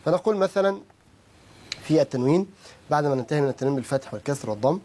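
Man chanting slow syllable drills. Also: fairly high pitch, lively intonation, darkish tone. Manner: chants syllable drills slowly, explains quickly. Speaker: Quran recitation teacher. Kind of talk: teaching lesson with rhythmic drills.

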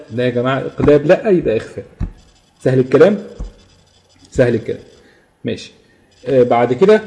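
A man with an Egyptian Arabic accent teaching a tajweed lesson at a quick clip. His tone is mellow and dark. He explains step by step, keeps checking in with the class and drags out each example as he chants it. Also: medium pitch. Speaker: Quran recitation teacher. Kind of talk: live online tajweed lesson.

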